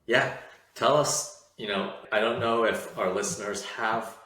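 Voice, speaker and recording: A man hosting a podcast, reading a scripted introduction and asking relaxed follow-up questions. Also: lowish voice, unhurried, low-quality recording. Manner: scripted intro, then easy conversational questions. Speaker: podcast host.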